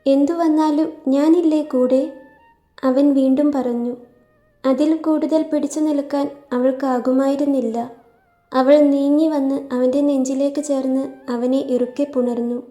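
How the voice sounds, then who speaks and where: Brief: woman narrator for a romance storybook, high voice, very warm and mellow, soft music behind. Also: level tone, moderate pace.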